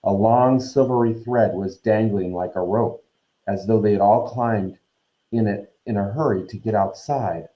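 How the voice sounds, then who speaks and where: Man teacher, read-aloud storytelling, low voice, roomy echo. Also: a little slow, lo-fi sound. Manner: friendly, acts out the characters' lines. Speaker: teacher reading a novel to his class.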